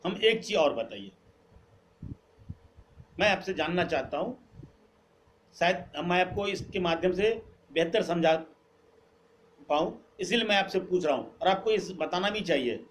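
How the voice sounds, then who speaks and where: Man, high-pitched voice, grammar teacher, quizzing students, repeats each answer, faint background hiss. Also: animated, a little slow, pauses often, fairly bright tone. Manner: repeats key words, asks questions then answers them. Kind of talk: classroom-style lesson, quizzing students.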